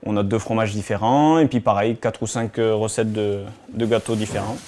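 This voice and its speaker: A man's voice: fairly low pitch, normal speed, slight background noise. A man who keeps a mountain hut, speaking casually in an interview with many small hesitations. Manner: relaxed, hesitant with frequent fillers.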